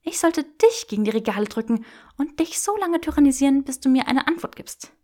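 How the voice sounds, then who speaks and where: A woman's voice: high-pitched, sing-song, fairly quick, warm tone, voice pushed up. A woman voicing a playful, bold young witch who teases and often whispers. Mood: teasing.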